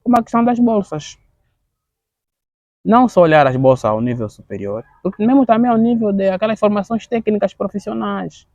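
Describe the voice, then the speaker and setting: Casting: Angolan-accented man in his thirties, fairly high and gravelly, earnest advocate whose testimony halts and repeats words. Dry, dull lo-fi recording. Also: lively intonation, a little mellow, dry recording. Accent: Angolan Portuguese. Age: 30s. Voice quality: gravelly, halting with frequent word repetitions.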